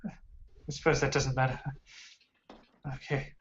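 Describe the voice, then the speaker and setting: A man voicing a frightened young elven woman held captive, talking in a hushed, anxious way. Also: mid-range voice, fairly even intonation, a little slow, close to an everyday voice. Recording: muffled lo-fi recording.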